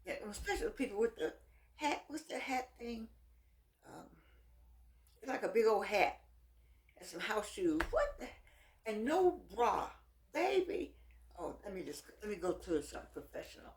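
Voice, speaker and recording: A woman's voice: medium pitch, normal speed, long pauses. Lady with no teeth, sassy folksy chat, voice swings up and down a lot, roomy echo. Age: middle-aged. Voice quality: toothless, slightly soft articulation. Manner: animated, sassy, folksy, repeats phrases for emphasis. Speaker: vlogger. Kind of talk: casual chat, rambling advice to viewers. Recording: echoey room.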